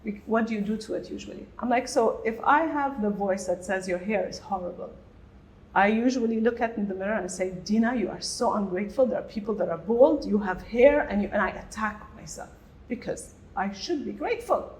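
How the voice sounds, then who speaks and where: A woman's voice: medium pitch, brisk, a little mellow, slight background noise, poor audio. A middle-aged woman from Bahrain, a guest on a podcast interview, telling her story animatedly and acting out her inner dialogue. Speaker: guest entrepreneur.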